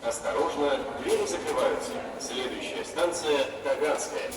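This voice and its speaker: A man giving calm, formal pre-recorded announcements over a subway loudspeaker. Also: moderate pace, distant mic. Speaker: metro announcer. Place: moving metro train car. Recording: echoey loudspeaker inside a subway car, heard from afar over loud rail noise. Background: loud rumble of the train.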